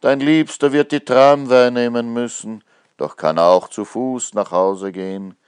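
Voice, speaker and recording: A man's voice: mid-range voice, steady tone, unhurried, smooth. A man giving a theatrical recitation of a comic ballad, his delivery swelling and falling with the verse. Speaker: poetry reader. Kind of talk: dramatic poetry recitation.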